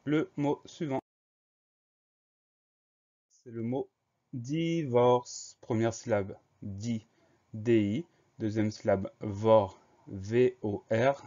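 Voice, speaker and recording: A man with a fairly low voice teaches a spelling dictation. He spells each word letter by letter and explains its gender, plural and grammar in a patient, methodical way. The recording sounds slightly dull and lo-fi. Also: warm tone. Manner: slow, spells words letter by letter.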